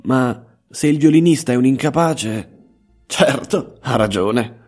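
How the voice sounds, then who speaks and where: A man voicing a blunt, self-assured young male detective in a measured, matter-of-fact tone. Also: medium pitch, darkish tone, faint music behind, lightly acted. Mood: brisk.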